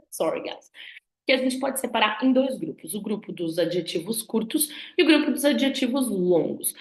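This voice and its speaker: A woman's voice: fairly high pitch, expressive, unhurried. A woman teacher with a Brazilian accent, patiently explaining a review lesson step by step in a chatty way. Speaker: English teacher. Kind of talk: recorded review lesson for students. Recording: roomy echo.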